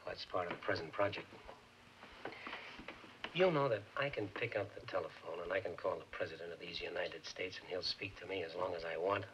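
A man playing a smooth, self-important schemer who talks down to others, in 1950s film noir acting. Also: low voice, fairly quick, highs cut off. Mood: boastful. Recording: old film soundtrack with hiss.

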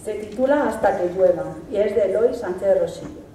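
Speaking from a lectern on the stage of a large hall, a middle-aged female teacher from Spain, with a Spanish accent, delivers a formal graduation speech in a measured, emphatic way, listing points. Her mid-range voice has a dark tone. The stand mic's audio is recorded from a distance, echoing through the hall with a little hiss or hum.

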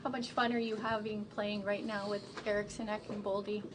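A woman reporter asking a player questions after a game, in a brisk, friendly manner. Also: mid-range voice, little pitch movement. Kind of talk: postgame press questions. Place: locker room, indoors. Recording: noisy locker room.

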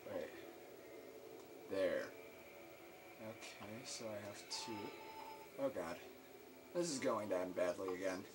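A man doing gameplay commentary, joking and yelling in mock panic at the enemies. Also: low-pitched, animated, takes it slowly, long pauses, background noise. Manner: jokey, panicky, yells at enemies. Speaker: let's play commentator.

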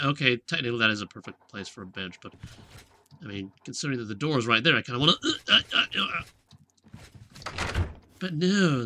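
A man's voice: mid-range voice, sharp tone, slight background noise. A man with a playful, sarcastic manner, joking through gameplay commentary as a let's play host.

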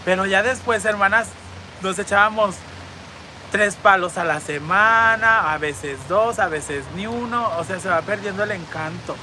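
A woman's voice: mid-range voice, unhurried, pushed and bright, a little hiss or hum. A woman with a Mexican Spanish accent hosting a live stream, reading viewer comments aloud and answering in a brassy, campy, foul-mouthed way, speaking into a phone outdoors on a city street. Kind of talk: crude live-stream chat.

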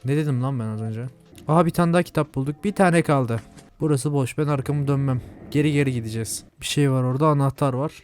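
A young man with a Turkish accent giving chatty, jumpy commentary while playing a horror game, yelling at scares. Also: medium pitch, quick pace, faint music behind. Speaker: gaming channel host.

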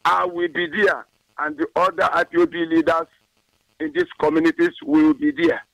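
A man's voice: a little high, fairly even intonation, normal speed, vocal fry, a bit bright, no echo, low-quality recording. A man praying and exhorting his people, then making a community announcement on a radio call-in, in a preacherly manner.

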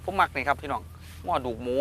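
A man with a northeastern Thai Isan accent doing a hyped live-seller pitch to viewers, often prompting them for agreement, recorded outdoors over noise. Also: fast, sharp tone. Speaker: host of cattle-sale videos.

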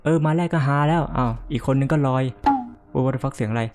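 A man's voice: mid-range voice, brisk, a little mellow, soft background music. Joking, swearing young-sounding man gaming. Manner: joking, swears a lot, yelps and panics at scares. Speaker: gaming YouTuber. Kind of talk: casual let's-play commentary.

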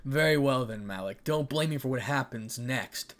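A man playing a cold young male antihero in a fan-made story, calm and even, with a mocking edge. He speaks seriously and scoffs at those who come for him. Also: medium pitch, moderate pace, lightly acted.

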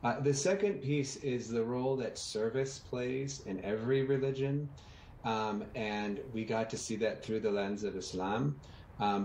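A man's voice: on the low side, a little mellow, slight background noise. A man in his thirties, a documentary guest, speaking earnestly and reflectively on a video call from a room lined with bookshelves. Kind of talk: remote TV interview. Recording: roomy echoey video call.

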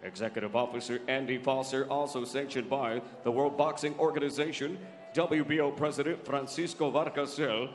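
A man working as a ring announcer at a live boxing event, giving booming, drawn-out shouted introductions. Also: slight background noise. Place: large casino arena, indoors. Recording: echoey arena hall.

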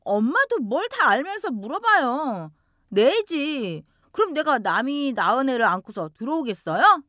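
A woman's voice: high voice, very animated, normal speed, sharp tone, dry recording, studio quality, pitched above the performer's own voice, heavily acted. A woman voicing a defiant young woman who answers back in a sulky, whining way.

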